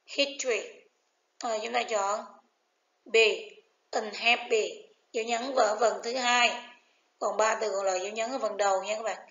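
A woman's voice: a little high, steady tone, normal speed, fairly bright tone. Woman teacher, Vietnamese accent, reads answer choices in English and Vietnamese, muffled lo-fi echoey recording. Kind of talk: recorded English review lesson. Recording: echoey, dull lo-fi room sound.

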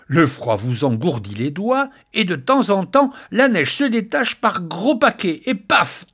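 A man narrating a children's story in an expressive, lively storytelling manner that turns hushed in the calm passages. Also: a little high, slightly rough.

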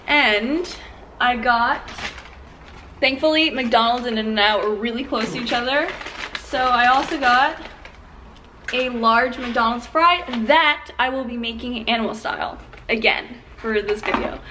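A woman's voice: fairly high pitch, measured pace, background noise. A young woman filming a casual eating vlog at home, talking candidly with lots of fillers between bites. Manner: chatty, filler-heavy, candid. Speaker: YouTuber. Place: at home, indoors.

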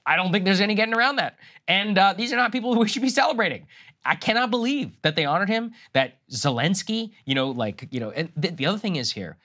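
Bright-voiced indignant male co-host. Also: animated, fast talker. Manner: blunt, emphatic, swells in pitch when indignant. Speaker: political talk show co-host. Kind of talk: heated political commentary.

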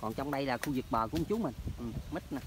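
A chatty man with a Mekong Delta Vietnamese accent, talking to his viewers as he walks outdoors with a handheld camera. His voice sits at an ordinary pitch, and a faint rural outdoor hum runs beneath it. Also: expressive, fast. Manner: chatty, keeps addressing viewers as friends. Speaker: hunting vlogger. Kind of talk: casual outdoor vlog narration. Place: outdoors in rural orchard and canal banks.

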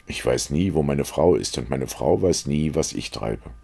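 A man's voice: rumbling low, expressive, normal speed, vocal fry, a little mellow, slightly rough, full character voice. A man reading aloud as a witty, cynical young aristocrat who talks in mocking epigrams. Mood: amused, teasing.

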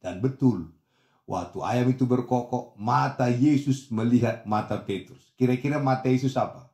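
A middle-aged male pastor preaching a lively sermon, acting out the voices in his stories and swinging from soft asides to shouts. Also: mid-range voice, moderate pace, echoey room. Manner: animated, acts out voices of others in dialogue, swings from soft to shouting.

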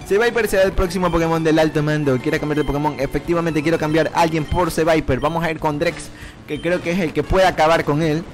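A man giving animated commentary over a video game, talking straight to his viewers and urging the game on with repeated cries. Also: a little high, fast. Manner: talks to viewers as "chicos". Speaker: gaming YouTuber. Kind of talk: excited Let's Play commentary.

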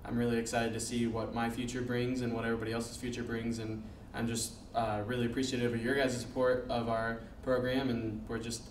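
A man's voice: medium pitch, flat delivery, brisk, hardly any pauses, slight background noise. A young man, a teacher education student, speaking eagerly and thankfully about his program. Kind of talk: interview answers. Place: classroom, indoors. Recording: distant echoey classroom.

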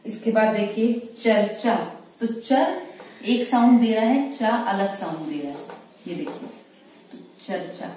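A woman with a mellow, unhurried voice walks through a lesson, repeating each word slowly and patiently. She sounds set back from the mic in a very echoey room, with a faint hiss behind her. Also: on the high side, far from the mic. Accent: Indian Hindi. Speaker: shorthand teacher. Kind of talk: step-by-step tutorial explanation.

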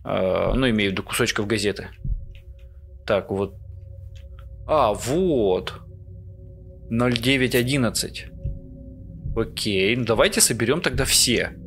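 A man's voice: on the low side, a little slow, vocal fry, pauses often, a bit bright, soft background music. A man doing casual, jittery commentary as he plays a horror game, muttering to himself nervously. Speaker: gamer, let's play host. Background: horror game ambience.

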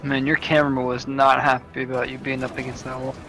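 A man's voice: medium pitch, level tone, fast, fairly bright tone, soft background music. A young man in casual gaming chat with friends, joking crudely and teasing them. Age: young adult. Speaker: streamer.

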